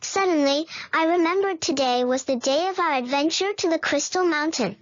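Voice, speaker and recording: A woman narrating a children's storybook in the first person, reading out even the sound words plainly. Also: sits high, moderate pace, highs cut off.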